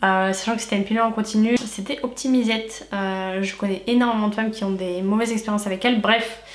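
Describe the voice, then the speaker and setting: A young woman vlogger chats casually to her viewers in a storytime video, talking fast in a steady, mid-range voice. Her retainers give her a lisp, and she sounds stuffy and nasal. She's candid and chatty, tossing in slangy asides, and the room has a noticeable echo.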